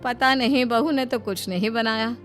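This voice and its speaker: A woman voicing a kind, worried older mother-in-law with a gentle, coaxing way of talking, in a family drama story. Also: a little high, moderate pace, soft background music, close to an everyday voice.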